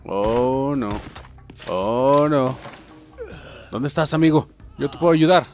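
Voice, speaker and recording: A young man with a Mexican Spanish accent, commenting on his own gameplay with excitable, profane jokes aimed at his viewers. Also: mid-range voice, takes it slowly, soft background music. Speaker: gaming channel host.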